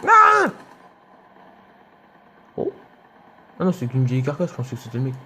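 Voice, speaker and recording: A young man giving excitable let's play commentary, yelping and laughing at enemies. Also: mid-range voice, racing, a little hiss or hum. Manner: excitable, shouts and yelps at enemies, laughs often. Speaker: gaming youtuber.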